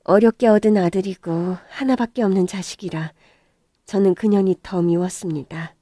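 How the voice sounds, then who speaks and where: A middle-aged woman narrating a radio drama story as the mother, shouting furiously in scenes and narrating in a hushed confessional tone. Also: medium pitch, dry recording, clean studio sound.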